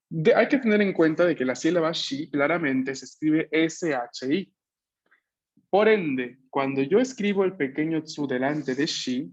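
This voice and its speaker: A man teaching an online language class, explaining patiently, repeating key points and checking that students follow. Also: fairly high pitch. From Peru. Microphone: video call. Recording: slightly muffled video-call audio.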